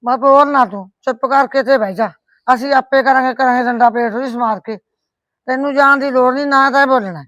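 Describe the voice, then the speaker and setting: A woman's voice: sits high, brisk, fairly bright tone, no echo. A middle-aged woman playing a firm, caring village mother who scolds and comforts her daughter in a rural family drama. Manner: scolding yet comforting, blunt.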